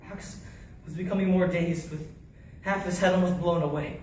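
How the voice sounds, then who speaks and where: In an echoey room with a distant mic and faint noise, a man with a high, slightly mellow voice speaks at normal speed in a steady tone. He performs a dramatized first-person war monologue, intense and theatrical, as an anguished soldier recounting the loss of his comrades in battle.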